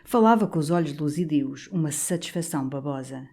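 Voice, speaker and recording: A woman, narrating a classic novel as an audiobook in a steady, expressive reading. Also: low-pitched, brisk.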